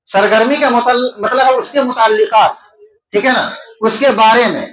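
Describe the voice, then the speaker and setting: Man with a very high voice, teaching loudly. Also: rough recording. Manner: checks in with the class, often asking "right?"; talks loudly over the room to students. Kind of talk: classroom exam-prep lesson. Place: classroom with students.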